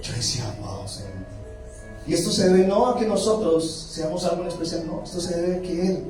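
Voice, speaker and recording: A male pastor with a Colombian accent preaching a lively sermon, rising to loud exclamations and slowing down for emphasis. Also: high-pitched, recorded from a distance. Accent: Colombian Spanish. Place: church hall. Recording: echoey church hall, mic from afar, music underneath.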